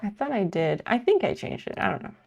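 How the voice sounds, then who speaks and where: A woman's voice: medium pitch, very animated, a little fast, vocal fry, a little mellow, dull audio. A woman live streamer chatting casually while sleepy and yawning, rambling and swearing offhandedly.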